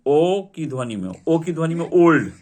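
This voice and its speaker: A man's voice: a little high, big pitch swings, normal speed, warm tone. A man teaching English vocabulary to a class, drilling word meanings and asking students to repeat them.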